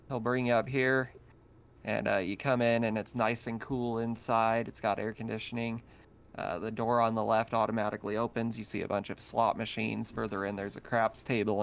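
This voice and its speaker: A man with a lowish voice serves as game master, informally narrating a tabletop roleplaying game over an online call. The voice-call audio is slightly dull, with slight background noise.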